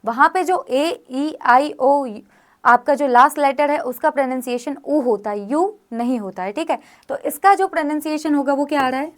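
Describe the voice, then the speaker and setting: A woman's voice: high voice, normal speed. A woman teaching a grammar lesson, explaining rules step by step and often checking in with her students. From India. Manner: frequent check-in questions to students.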